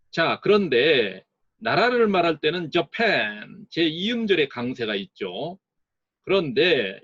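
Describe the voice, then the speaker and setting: A man teaching English in a recorded lecture speaks slowly, sounding out words to demonstrate their stress. His medium-pitched voice is a bit bright and slightly rough, and the recording is dry with dull audio.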